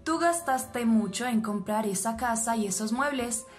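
A woman reading the lines of a gentle, caring young woman in a soft, pleading tone. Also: a little high, moderate pace, soft background music, close to an everyday voice.

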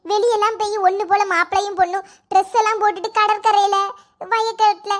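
A woman's voice: extremely high pitch, flat delivery, fast. A woman voicing a pert young village daughter, a bride-to-be, arguing impatiently, in a cartoon.

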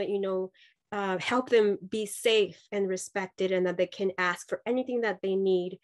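Speaking at a medium pitch, this thirty-something nurse-midwife from Mexico appears as a guest on a laptop video call. Her manner is earnest and thoughtful, though she often restarts and leans on fillers. Behind her is a home room with a dark sofa.

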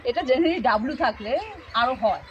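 A woman's voice: on the high side, lively intonation, fairly quick, dull audio, a little hiss or hum. A woman, patiently teaching children English pronunciation and spelling, speaking directly to her students. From India.

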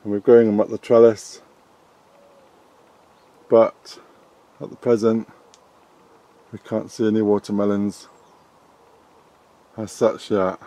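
A middle-aged British man giving a casual, chatty tour of his allotment polytunnel while filming as he walks. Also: on the low side. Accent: British English. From England. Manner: relaxed, chatty, unhurried. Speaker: allotment gardening vlogger. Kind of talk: casual garden tour narration. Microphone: handheld camera filming as he walks.

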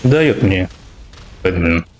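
A man's voice: low-pitched, expressive, very slow. A young man giving casual gameplay commentary in short, slangy, muttered reactions. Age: young adult. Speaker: gamer commentating own play. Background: faint game music.

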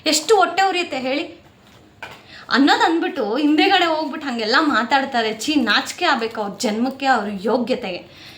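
A woman's voice: high voice, fairly quick, fairly bright tone, reverberant. A woman vlogger talking to her viewers at home, aggrieved and indignant, close to tears as she vents. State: near tears. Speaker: family vlogger. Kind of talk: emotional talk to camera.

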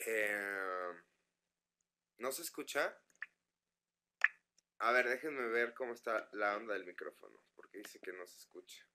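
A man's voice: fairly low pitch, animated, a little slow, pauses often, bright, forceful tone. A man with a northern Mexican accent chatting casually with fans on a live webcam stream, stumbling over his words as he reads their messages aloud. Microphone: computer microphone.

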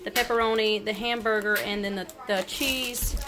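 This is a casual grocery haul from a woman in her thirties who vlogs from her home kitchen, shot on a handheld phone. Chatty and full of ums and likes, she lists her items in a medium-pitched voice with fairly even intonation at a moderate pace.

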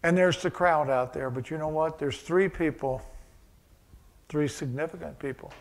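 Pastor guy preaching, kinda high voice, gravelly, chatty asides then pushing hard. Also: normal speed. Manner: preaching with rising intensity, conversational asides. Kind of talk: sermon.

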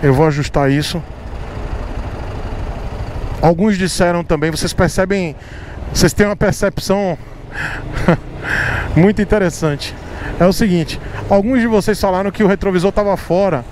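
A man's voice: sits high, normal speed, long pauses. A man riding a motorcycle through city traffic, explaining things to his viewers in a casual, repetitive way. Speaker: motovlogger. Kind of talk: casual motovlog talk while riding. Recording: loud street and engine noise. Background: traffic and engine noise.

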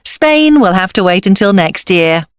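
An actress playing an easygoing mother chatting in a scripted dialogue, friendly and clearly enunciated. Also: medium pitch, big pitch swings, unhurried, dry recording, studio quality. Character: easygoing mother chatting about family holiday.

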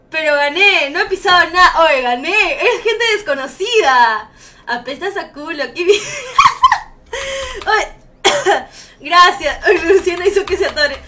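A young woman streaming a game live, chatting with viewers, shrieking and swearing as she plays. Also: very high voice. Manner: excitable, shrieks and swears while playing.

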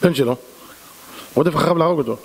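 A man, a rabbi, preaching a sermon in an animated, storytelling manner. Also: on the high side, gravelly, slightly rough. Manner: animated, acts out characters. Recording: long hall reverb.

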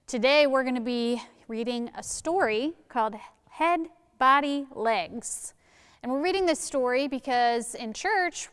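A woman leading a children's sermon in a church, reading a picture book aloud slowly and expressively. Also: high voice, clean tone, long reverb tail. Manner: slow, expressive storytelling. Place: church sanctuary.

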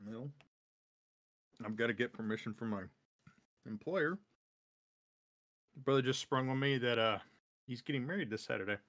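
A woman's voice: rumbling low, moderate pace, long pauses. A woman co-hosting a live stream, chatting in a laid-back way and trailing off while she hunts for words. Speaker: streamer co-host. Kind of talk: casual stream chat.

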